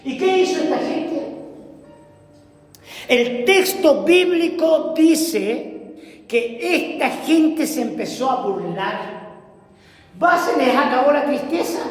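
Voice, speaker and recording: A man preaches a sermon with dramatic emphasis, pausing and posing rhetorical questions to his congregation. A large hall gives his voice a booming echo.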